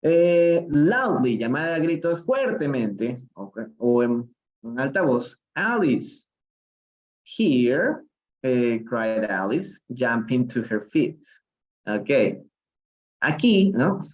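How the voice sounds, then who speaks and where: Peruvian guy teaching english on a live stream, keeps asking ¿no?, slow, muffled audio. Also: mid-range voice, lively intonation. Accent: Peruvian Spanish. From Peru. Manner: explains slowly, switching between English and Spanish, often asking "¿no?". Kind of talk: live-streamed reading lesson.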